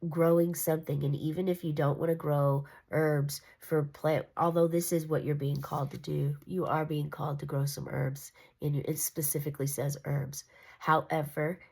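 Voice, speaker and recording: Deep and dark with a breathy edge, this woman's congested, nasal voice carries a casual tarot reading. She wanders from point to point, offering reassurance and often using fillers or starting over.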